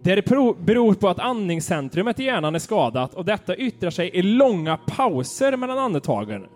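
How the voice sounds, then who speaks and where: A man's voice: sits high, sing-song, darkish tone, faint music behind. A man co-hosting a casual chat podcast, reading grim facts aloud in a playful, laughing way. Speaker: podcast host.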